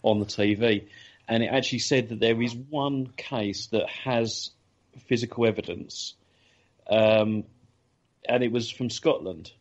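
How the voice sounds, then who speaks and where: A man with a mid-range voice speaks at a measured pace as a podcast host running a casual radio chat show. He talks with many ums and restarts, and the audio is dull and lo-fi.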